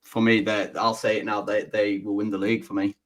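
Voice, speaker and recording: A man's voice: fairly low pitch, little pitch movement, fairly quick. A man with a northern English accent co-hosting a football podcast, chatty and confident in his opinions. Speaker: podcast co-host. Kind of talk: casual football podcast chat.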